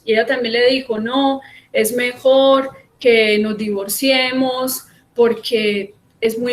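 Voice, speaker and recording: A woman gives a spiritual lesson, telling stories and acting out the characters' words. Her voice sits a little high. The recording has a noticeable room echo. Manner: checks in with "¿sí?", retells stories with quoted voices. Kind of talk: storytelling class on faith.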